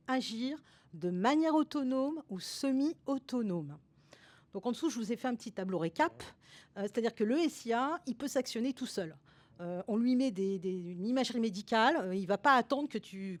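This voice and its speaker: A woman consultant explaining a topic over slides in a webinar, hesitant and full of fillers, with restarts and tags at the ends of her sentences. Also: a little high.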